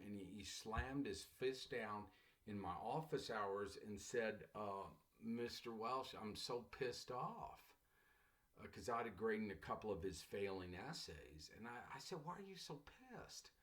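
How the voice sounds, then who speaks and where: A man's voice: lowish voice, normal speed, a bit bright. A man teaching a college English class, telling stories about students in a conversational way. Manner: conversational storytelling, addresses listeners as "class". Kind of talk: classroom lecture.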